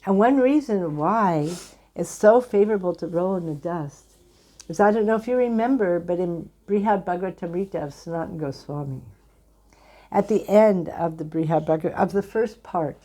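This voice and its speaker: A woman giving a devotional discourse in an earnest, gentle storytelling way. Her voice is warm and mellow and sits a little low. She often slips into short quoted lines as she teaches. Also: moderate pace. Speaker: spiritual teacher.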